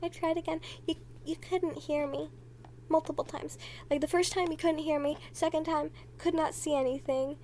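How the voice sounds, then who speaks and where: Teenage girl, high voice, rambling casual chat, faint background hum. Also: steady tone, moderate pace. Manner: rambling, talking freely with frequent fillers; quiet and hushed near the end, trying not to be overheard. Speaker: vlogger.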